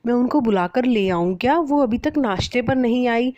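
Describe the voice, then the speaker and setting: A polite young daughter-in-law, newly married, from a moral story, voiced by a woman narrator. She speaks in a raised, soft-edged voice, apologetic and eager to please. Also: fairly high pitch, moderate pace, no echo, muffled recording, voice pushed up, lightly acted.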